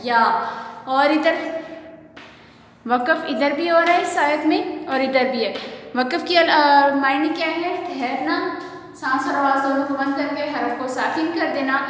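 High-voiced woman teaching Quran recitation. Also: fairly bright tone. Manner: slow drawn-out recitation, explains rules patiently, asks and answers own questions. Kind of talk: recorded online class lesson. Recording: very echoey hall, faint background noise.

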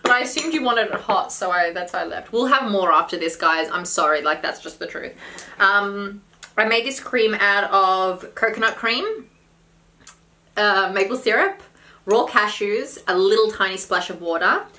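With a mid-range, expressive voice that's bright and forceful, a woman in her thirties speaks at a moderate pace while eating at a table. She's a vlog host and health coach, chatting casually and giving health advice in a small indoor room. The camera sits a short distance away, catching background noise and the clink of cutlery and bowls.

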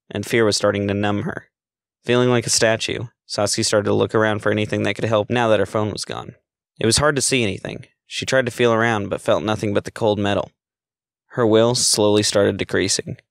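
Low gravelly male story narrator. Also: no room sound, clean studio sound. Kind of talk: reading a story aloud.

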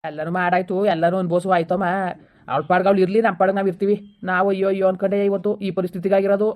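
A woman's voice: mid-range voice, level tone, racing, darkish tone, close to an everyday voice. A woman playing a stubborn village elder who refuses to forgive, speaking in a curt, dismissive way. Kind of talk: village drama acting.

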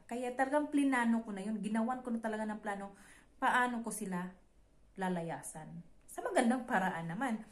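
A young woman from the Philippines telling a personal story to her viewers, animated and acting out her own lines and her employer's in dialogue. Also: mid-range voice. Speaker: vlogger.

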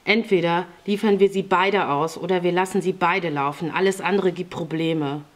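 A woman's voice: on the low side, steady tone, normal speed, lightly acted. A woman voicing a hard, threatening grown man in an audiobook reading. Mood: calm. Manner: harsh, threatening. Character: stern, menacing grown man.

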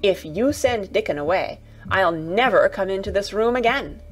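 A woman voicing a stubborn, sour-tempered young girl in a storybook reading, with fierce, sharp retorts. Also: mid-range voice, lively intonation, normal speed, soft background music, lightly acted, low-quality recording. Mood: defiant.

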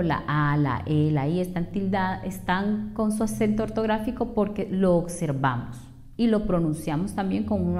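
A woman teacher with a Honduran Spanish accent, narrating a spelling and accent lesson and saying example words slowly and carefully. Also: medium pitch, darkish tone. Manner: slow, careful over-enunciation of example words.

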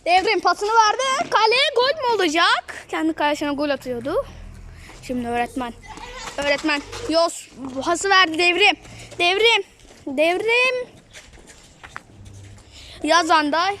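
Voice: expressive, a little slow, long pauses, sharp tone. A young school child commentating on a football match like a screaming sportscaster, repeating names and stretching out the calls. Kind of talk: excited football match commentary, shouted at goals. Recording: noisy amateur pitch-side recording.

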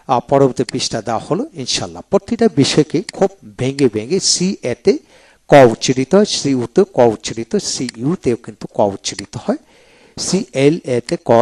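Male tutor walking through a pronunciation book, lively rising and falling delivery, slows down to repeat sample words. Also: medium pitch. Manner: explains step by step, repeats example words slowly, often says "then come". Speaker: English pronunciation teacher.

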